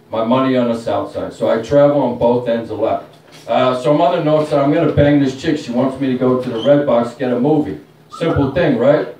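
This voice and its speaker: A man's voice: medium pitch, darkish tone. A male stand-up comedian telling a crude, profane story to a small bar crowd. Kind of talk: stand-up set. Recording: roomy live room from a distance.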